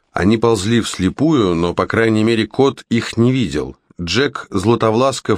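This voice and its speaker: Audiobook narrator, man, animated storytelling, low-ish, dry booth sound. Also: dry recording.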